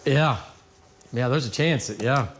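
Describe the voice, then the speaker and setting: A man's voice: medium pitch, a little slow. An American man anchoring live severe weather coverage off the cuff, folksy and emphatic, repeating phrases for stress. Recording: noticeable background noise.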